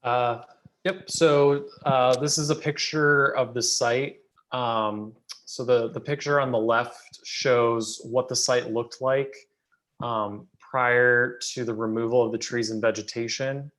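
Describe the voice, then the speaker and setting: A man's voice: mid-range voice, steady tone, slow, a bit bright. A man with a mid-range voice presents applications at a public meeting. He sounds like a staff planner, procedural and matter-of-fact in his delivery. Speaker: city planning staff member.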